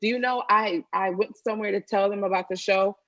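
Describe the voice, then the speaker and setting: A woman guest on a podcast, telling lively, spiritual stories in casual chat. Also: mid-range voice, brisk, dry recording, dull audio. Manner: animated storytelling, spiritual testimony. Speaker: guest singer.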